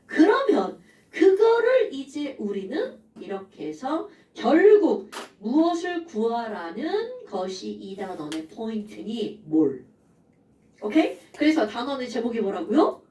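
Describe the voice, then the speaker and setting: A woman teaches chemistry in a high, swooping voice that jumps around as she fires rhetorical questions at her class. Her delivery is playful and animated. The sound is roomy and echoey, picked up from some distance away from the mic. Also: slow, a little hiss or hum. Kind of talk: lively classroom lecture. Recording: echoey room, voice a bit far from mic.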